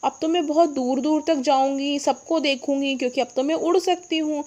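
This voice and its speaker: A woman reading the part of a cheerful young schoolgirl who can fly, speaking eagerly with exclamations, in a high voice. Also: fairly even intonation, normal speed, darkish tone, close to an everyday voice. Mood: excited.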